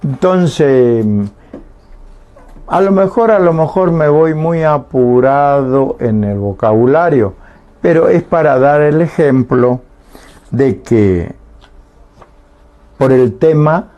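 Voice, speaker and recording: A man's voice: on the high side, takes it slowly, long pauses, muffled recording. A man teaching a Guarani language lesson on the radio, patiently explaining and often checking that listeners understand. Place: radio studio.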